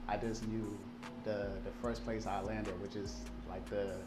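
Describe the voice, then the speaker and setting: Guy from liberia in his 30s, kinda low voice, chatty storytelling, echoey room w music under it. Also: a little slow. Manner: animated storytelling, frequent fillers and restarts. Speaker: guest. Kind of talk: casual interview. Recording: roomy sound with music underneath.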